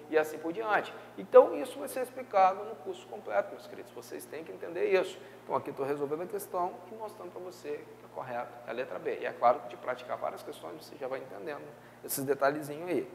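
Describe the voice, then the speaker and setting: A Brazilian man teaching an exam-prep review class, lively and checking in often with his students. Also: a little high, vocal fry, long reverb tail, slight background noise. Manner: lively, peppers speech with tag questions.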